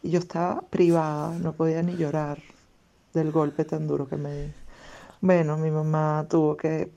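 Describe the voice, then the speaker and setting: A woman caller telling an anecdote slowly, searching for words. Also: sits low, level tone, gravelly, dark tone, muffled recording. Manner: slow, halting storyteller. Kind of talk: casual chat.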